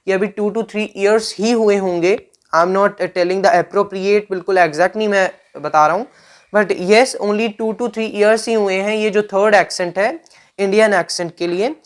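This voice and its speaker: An Indian English woman teaches grammar from slides at a very slow, deliberate pace. She moves back and forth between Hindi and English. She often pauses to check in with "right?" or "fine". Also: mid-range voice. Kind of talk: slide-based grammar lesson.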